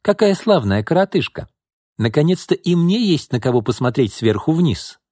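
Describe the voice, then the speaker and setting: A man voicing a bold, sharp-tongued young woman who teases and orders people around in an audiobook. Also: a little high, big pitch swings, normal speed, dry recording, studio quality, voice pushed up. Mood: teasing. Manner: teasing, brash, commanding.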